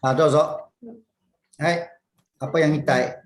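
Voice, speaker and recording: Male teacher, patient and repetitive, fairly high pitch, echoey online class. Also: fairly even intonation, slow. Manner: patient, repeats words for students to echo. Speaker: Japanese language teacher. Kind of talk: casual online language class.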